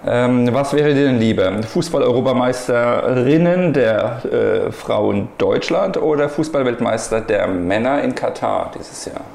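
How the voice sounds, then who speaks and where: A man hosting a casual podcast interview, firing off playful quick questions at a new player. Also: medium pitch, lively intonation, gravelly, darkish tone. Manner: joking quick-fire questions. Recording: echoey room with faint noise.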